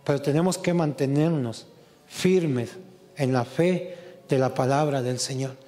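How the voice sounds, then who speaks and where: A man preaching a sermon in a church hall, impassioned and rising to shouts as he acts out quotes. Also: mid-range voice, a little slow, soft background music. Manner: impassioned, rises to shouting when acting out quotes. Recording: long reverb of a hall.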